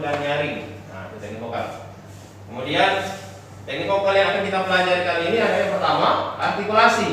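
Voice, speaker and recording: A man's voice: on the high side, noisy background. Echoey male music teacher. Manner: explains patiently, sings short examples and solfege. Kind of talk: classroom teaching with sung examples. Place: classroom. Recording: echoey classroom from far off.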